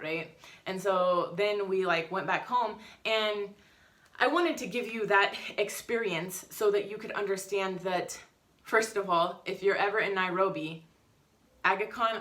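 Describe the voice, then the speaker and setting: A woman vlogging in a casual storytelling way, frank and outspoken, acting out what people said. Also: mid-range voice. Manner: frank and outspoken, swears freely; animated, acts out quotes. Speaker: family vlogger.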